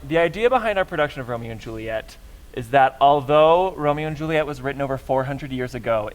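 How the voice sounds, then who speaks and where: A man from Arizona, an actor in the touring cast, thoughtfully explaining a choice in the production. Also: mid-range voice. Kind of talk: answering audience questions.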